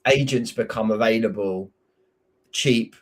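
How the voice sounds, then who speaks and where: A man's voice: on the low side, a little slow. A man hosting an interview, asking questions and sharing anecdotes in a chatty, conversational way. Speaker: host.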